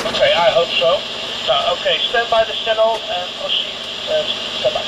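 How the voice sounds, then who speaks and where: A man's voice: sits high, moderate pace. A man working as a port traffic controller, heard over a marine radio speaker and talking in brief radio procedure. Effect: heard over a marine VHF radio speaker. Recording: radio voice under loud engine noise.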